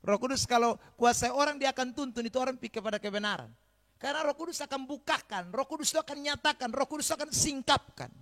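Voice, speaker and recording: A male pastor preaches a sermon in a very high-pitched voice at a fast pace, often calling out to the congregation and swinging from quiet asides to loud emphasis.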